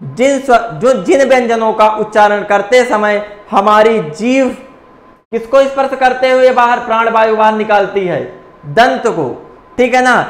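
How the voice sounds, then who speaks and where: A man's voice: high-pitched, reverberant. A man teaching a class, drilling students by asking questions and answering them himself. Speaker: coaching teacher. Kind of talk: classroom lecture.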